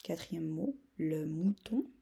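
Lady teacher going slow and patient with little kids, gravelly and dark. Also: low voice, expressive. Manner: slow, patient, spelling out sounds and words. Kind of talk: reading lesson for young children.

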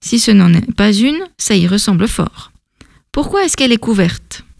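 A woman voicing a blunt, suspicious grown fisherman in a storybook, in a higher, raised voice. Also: big pitch swings, normal speed, vocal fry, a little mellow, dry recording, clean studio sound.

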